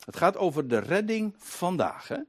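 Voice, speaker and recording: A man delivers a sermon to his congregation. His voice sits a little high and moves a great deal, climbing on stressed words and dropping low for quiet asides. He slows right down to stretch out the words that matter. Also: sing-song, slightly rough, no echo, clean studio sound. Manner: emphatic, rising and falling, stretches key words slowly. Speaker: preacher.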